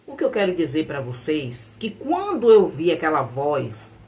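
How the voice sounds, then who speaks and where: A woman's voice: low voice, big pitch swings, moderate pace, darkish tone. A middle-aged woman telling a religious testimony in an earnest storytelling way, often repeating phrases and quoting her own prayers. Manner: earnest, repetitive retelling with quoted prayers. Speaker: testimony speaker.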